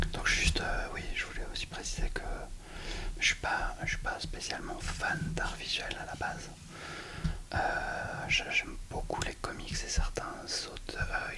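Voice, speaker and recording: An ASMR video creator whispers a book presentation into a close mic, sounding hesitant and self-deprecating.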